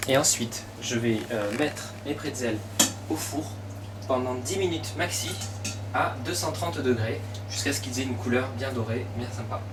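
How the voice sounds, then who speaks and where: A man's voice: mid-range voice, normal speed. A man with a French accent hosting a cooking demonstration in a casual, encouraging, step-by-step way, with small interjections. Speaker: cooking show host. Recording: clearly noisy room ambience behind voice.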